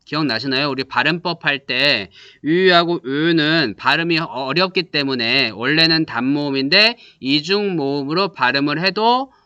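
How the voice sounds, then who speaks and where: A man teaching a class, explaining step by step, checking understanding with quick questions and demonstrating sounds aloud. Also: fairly high pitch, pushed and bright, clean tone, dry recording, dull audio. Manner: models vowel sounds aloud for students to repeat. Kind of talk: classroom lecture.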